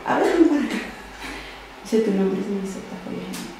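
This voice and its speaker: A young adult woman, a podcast guest telling her own story in an interview, speaking softly and often trailing off quietly. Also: medium pitch, lively intonation, normal speed, slight background noise. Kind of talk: personal testimony in an interview. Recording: very echoey room.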